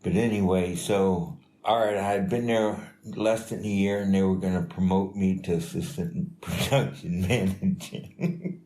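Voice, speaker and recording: An older man telling life stories in a casual, rambling, halting way, as an interviewee. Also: low voice, fairly even intonation, dark tone. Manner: rambling, halting, chuckling delivery. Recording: echoey room with faint noise.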